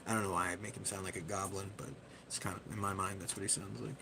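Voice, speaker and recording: A man's voice: deep voice, fast, vocal fry. A man hosting a casual livestream, rambling loosely and poking fun at himself. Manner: rambling, self-deprecating, loose. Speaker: livestream host. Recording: steady background hiss.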